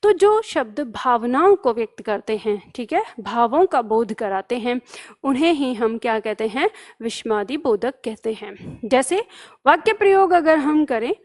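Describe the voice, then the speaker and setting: A woman's voice: a little high, expressive, a little slow, a little mellow. A woman teaching a grammar lesson. She asks questions and answers them herself, and repeats key terms for emphasis.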